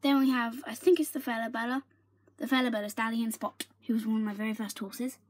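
A woman's voice: fairly high pitch, little pitch movement, fast talker. A young woman narrates a casual tour of her toy horse barn, chatty and giggly, sometimes dropping to a whisper, filmed on a handheld phone in her bedroom. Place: bedroom, indoors. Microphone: handheld phone camera.

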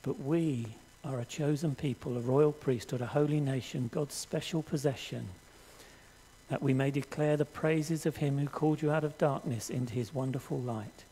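An older man preaches to a congregation in a church hall, earnest and measured. His voice is gravelly, husky and mellow, and he reads scripture aloud at a steady pace. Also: mid-range voice. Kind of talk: sermon. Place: church hall stage with audience.

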